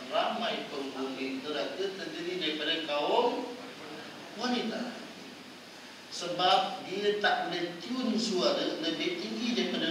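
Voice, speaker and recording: Echoey Malay preacher, high voice. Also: male voice. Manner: playful, quizzes audience, acts out wives' voices. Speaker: religious lecturer. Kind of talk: lively mosque lecture. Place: mosque prayer hall. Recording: echoey hall, distant mic, noisy.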